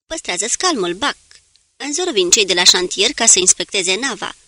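A composed male submarine commander in an audiobook, voiced by a woman reader. He gives his orders steadily and without fuss. The voice is bright and the sound is dry and close. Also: medium pitch, animated, no echo. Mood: calm command.

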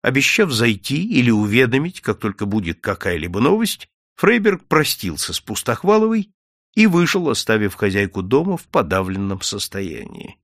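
A man narrating an audiobook in an expressive storytelling manner. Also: mid-range voice, moderate pace, no echo, clean studio sound.

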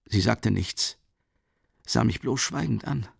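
A man voicing a drunken, self-pitying old ex-official in an audiobook, pleading and rambling with a voice that swings up high. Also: slow, vocal fry, breathy edge, no room sound, studio quality, full character voice. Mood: pleading, maudlin.

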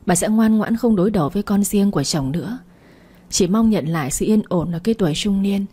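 A woman reading a dramatic family story as narrator, in a steady storytelling way. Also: medium pitch, a little fast, breathy edge.

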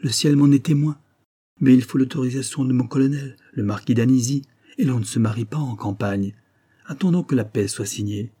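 A man's voice: medium pitch, a little fast, mellow, breathy edge, close to an everyday voice. A man voicing an ardent young male lieutenant who pleads eagerly and turns furious. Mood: pleading. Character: ardent young male lieutenant, smooth-talking then violent. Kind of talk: audiobook character voice.

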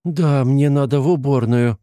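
A man's voice: mid-range voice, normal speed, warm tone, no room sound, studio quality, pitched above the performer's own voice, lightly acted. A man voicing a meek, obedient young serving girl who speaks timidly. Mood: shaken.

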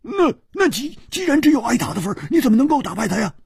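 A man voicing a brash, boisterous swordsman who stammers with excitement in a dramatized story reading. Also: deep voice, a little slow, slightly rough, dry recording, studio quality, voice pushed down, full character voice. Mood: exasperated.

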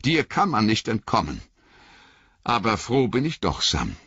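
Frodo, the weary young hobbit, as a man reading aloud puts him on, speaks gently yet firmly, a touch higher than the narration. His delivery is resolute and fatherly. The recording is dry and slightly dull. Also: wildly swooping pitch, unhurried, slightly rough, no room sound, exaggerated voice. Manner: gentle, firm, fatherly toward companion. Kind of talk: audiobook reading.

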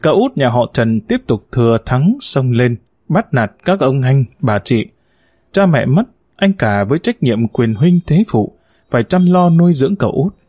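Expressive male storyteller with lively pitch. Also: moderate pace, dry recording, clean studio sound. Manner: expressive, sings out quoted verses. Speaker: narrator. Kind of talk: storytelling narration.

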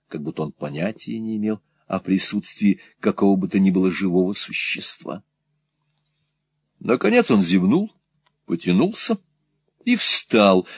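A male audiobook narrator reads a classic novel in a measured, dramatic manner. His voice is deep and somewhat husky. The recording is close and dry, with no audible room. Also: a little mellow, no echo.

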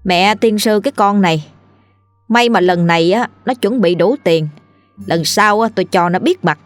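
A woman's voice: medium pitch, normal speed, no echo, faint music behind, lightly acted. Woman doing a foul-mouthed greedy village wife. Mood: scornful. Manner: coarse scolding, cursing. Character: greedy middle-aged moneylender's wife, sharp-tongued.

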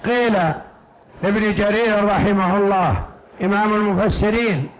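A man, a sheikh, giving slow, emphatic lecture commentary on a text that was read aloud, repeating key phrases. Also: sits high. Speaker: sheikh teaching a creed text. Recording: dull lo-fi lecture recording.

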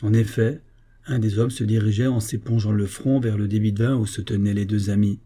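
A man narrating an audiobook in a steady, measured reading voice. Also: on the low side.

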